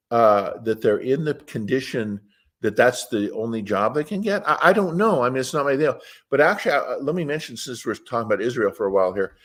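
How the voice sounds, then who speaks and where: Rambling, opinionated man telling stories. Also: medium pitch. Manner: rambling, digressive storytelling; plainspoken, opinionated. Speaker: interview guest. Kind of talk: casual conversational interview.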